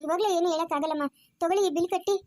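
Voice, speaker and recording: A woman's voice: extremely high pitch, racing, no echo. A woman playing a stern, scolding hospital nurse. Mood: businesslike. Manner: scolding, sharp questions.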